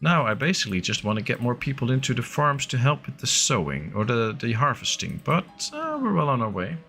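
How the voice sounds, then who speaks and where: While streaming a game, a man who isn't a native English speaker talks casually with viewers, a little fast and very animated. His mid-range voice is gravelly with a sharp tone, soft music plays behind him, and his replies to chat are full of fillers.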